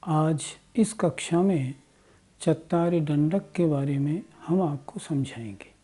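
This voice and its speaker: A woman teaching a religious lesson, reciting verses and explaining them word by word in a slow, deliberate way. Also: deep voice, dark tone, breathy edge. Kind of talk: lesson with chanted Prakrit verses.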